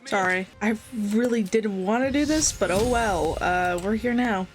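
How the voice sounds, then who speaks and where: A woman's voice: medium pitch, a little slow, music in the background. A woman giving casual let's play commentary, self-deprecating and talking to herself and the game. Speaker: gaming host.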